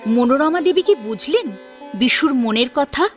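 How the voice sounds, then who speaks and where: A woman with a high, animated voice narrates a story unhurriedly in a dramatic audiobook style. Plucked sitar music plays behind her voice.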